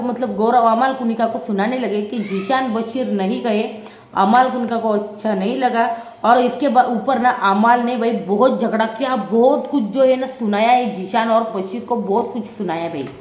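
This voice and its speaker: A woman's voice: a little high, moderate pace, darkish tone, reverberant, a little hiss or hum. A woman recapping a reality show in a dramatic vlog, acting out what others said. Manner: dramatic, mimics other people's lines. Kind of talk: animated recap, acting out quotes.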